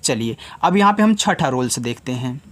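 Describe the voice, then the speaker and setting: Slow, patient Hindi-speaking male teacher. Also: mid-range voice, lively intonation, fairly bright tone. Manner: spells out letters slowly, then repeats answers to own questions. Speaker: English teacher for children. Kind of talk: whiteboard phonics lesson.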